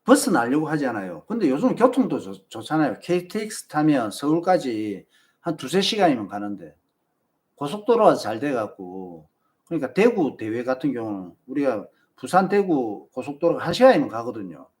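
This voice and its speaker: A man's voice: medium pitch, very animated, normal speed, darkish tone. A man with a Busan Gyeongsang accent, hosting a marathon channel and chatting casually with viewers and giving them advice. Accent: Busan Gyeongsang Korean. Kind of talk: casual live-stream chat.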